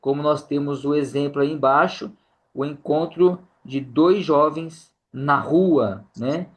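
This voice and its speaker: Brazilian man teaching grammar, higher voice. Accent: Brazilian Portuguese. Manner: unhurried, explains step by step, often ends phrases with a checking tag. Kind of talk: church course lesson.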